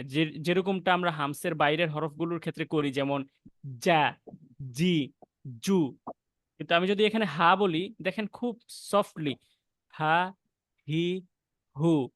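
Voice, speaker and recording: A young man from Bangladesh with a Bangladeshi Bengali accent, teaching a recitation class, patiently explaining the rules and sounding out letters softly. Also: high-pitched, no room sound, clean studio sound. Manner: explains patiently, then recites verses slowly and drawn out; demonstrates soft breathy letter sounds. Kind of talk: online class lesson with slow recitation.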